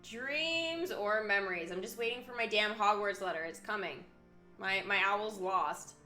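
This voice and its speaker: With video game music in the background and a roomy echo around her, a female streamer alternates between live commentary and reading story passages aloud. She speaks a little slowly in a mid-range voice that is very bright and forward.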